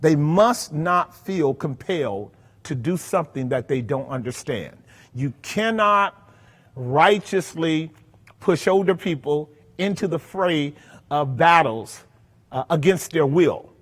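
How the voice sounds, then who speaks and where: A man's voice: on the high side, animated, takes it slowly, big-room sound. A male pastor teaching a Bible study, emphatic and given to repeating phrases for weight. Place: church hall.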